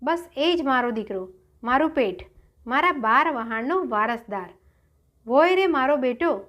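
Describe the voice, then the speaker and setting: This is a grief-struck rich old merchant from a spoken folk tale, as a woman storyteller puts him on. He talks in an earnest, pleading way. His voice sits high, and it carries the emotion of the story. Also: expressive, unhurried, fairly bright tone.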